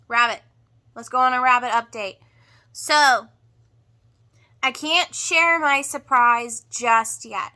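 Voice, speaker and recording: Slow-talking woman, drained after surgery, bright voice. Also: fairly high pitch. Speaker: homestead vlogger. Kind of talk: casual vlog update to viewers.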